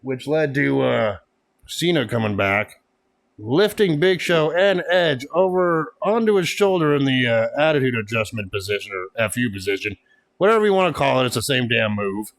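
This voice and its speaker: Gravelly-voiced man reviewing wrestling. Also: medium pitch, very animated, moderate pace. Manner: rambling, laughs often, filler "freaking". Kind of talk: casual podcast chat.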